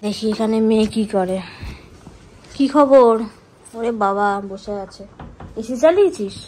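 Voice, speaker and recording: Soft-spoken chatty woman vlogger. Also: fairly high pitch, animated, measured pace, slight background noise, rough recording. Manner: speaking softly and sparingly because of a sore tooth; chatty, teasing with family. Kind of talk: casual vlog chat.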